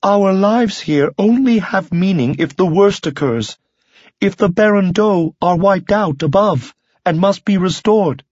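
A man voicing a gentle young woman in a storybook, who speaks softly and pleads with her master. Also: high-pitched, a little slow, dry recording, lo-fi sound, voice pushed up. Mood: pleading. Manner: soft, pleading.

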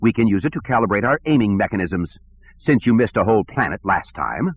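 A man's voice: on the low side, expressive, a little fast, breathy edge. A man voicing a petty, pompous male station director who talks in fussy, bureaucratic tones. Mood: snappish. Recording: tinny phone-like audio.

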